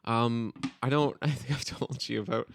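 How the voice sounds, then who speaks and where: A man's voice: mid-range voice, fairly even intonation, normal speed, vocal fry, a little hiss or hum. A young man co-hosting a podcast, chatting casually and rambling with fillers and laughter. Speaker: podcast co-host. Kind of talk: casual chat.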